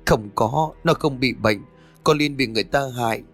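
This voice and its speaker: A man's voice: mid-range voice, moderate pace, a bit bright, faint music behind. A man narrator voicing a frantic, grieving elderly mother who wails and pleads. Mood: fearful. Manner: wailing, pleading.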